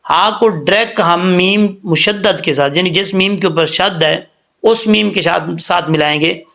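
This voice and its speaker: A man teaching Quran recitation rules, spelling words letter by letter and chanting verses slowly, often checking that listeners follow. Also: high voice, creaky, fairly bright tone. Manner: slow, drawn-out chanting when reciting, patient explaining; checks understanding with repeated questions.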